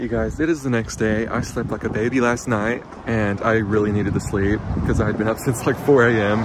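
A young man in his twenties vlogging on his phone, excitable and chatty, swearing freely and saying "like" a lot. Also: fairly low pitch, background noise. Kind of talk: casual vlog talk to camera. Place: inside a car, then a hotel room, then an outdoor street. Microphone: phone camera held at arm's length.

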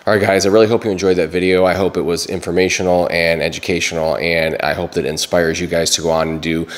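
A man in his thirties giving a relaxed, chatty walkthrough as host of a DIY channel, with plenty of fillers. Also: low voice, fast talker. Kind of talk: casual walkthrough vlog. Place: basement grow room under pink grow lights; garage workshop, indoors.

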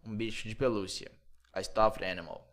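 A man's voice: fairly low pitch, steady tone, moderate pace, a bit bright. A man with a Brazilian Portuguese accent from Mato Grosso, teaching an English lesson and repeating words to drill them.

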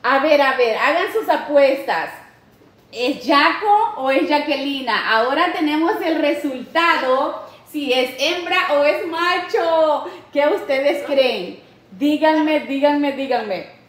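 High-voiced woman in an echoey room. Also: animated, slow pace. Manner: playful, coaxing, sings and laughs often. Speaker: parrot channel host. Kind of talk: excited talk to camera and to her parrots. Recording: echoey room with faint noise.

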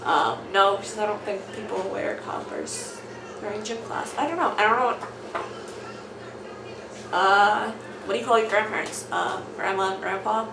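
A woman's voice: mid-range voice, normal speed. A young adult woman with a Southern Californian accent, chatting casually in a rambling, informal, sweary way. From Southern California, United States. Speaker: vlogger answering an accent challenge questionnaire. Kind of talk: casual chat. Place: small bare-walled room indoors. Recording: roomy, distant mic, noticeable background noise.

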